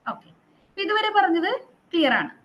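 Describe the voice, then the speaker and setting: A woman's voice: very high voice, expressive, fairly quick, fairly bright tone, low-quality recording. A woman teaching a geography class who quizzes her students and repeats the figures to drill them, mixing in English terms.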